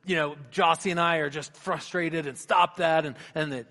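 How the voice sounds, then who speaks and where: A middle-aged pastor preaches in a hall with a long, lingering reverb, his voice sitting a little high for a man. He tells stories and slips into voices as he quotes people, moving between hushed lines and louder ones. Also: fairly even intonation, moderate pace. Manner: storytelling, acts out voices in quotes. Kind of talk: sermon.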